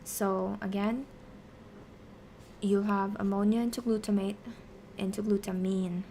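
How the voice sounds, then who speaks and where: Woman on a study stream explaining science q&a, kinda talking to herself, medium pitch, a bit of noise behind her. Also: little pitch movement, measured pace, mellow. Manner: talks to herself while working through answers. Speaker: streamer teaching biochemistry. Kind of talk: casual study-stream explanation, question and answer.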